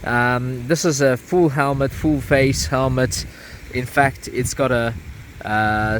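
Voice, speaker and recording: A man giving a casual product review to camera outdoors, speaking haltingly in short phrases. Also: mid-range voice, low-quality recording. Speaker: vlogger reviewing motorcycle gear. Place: outdoors by a creek. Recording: outdoor ambient noise behind voice.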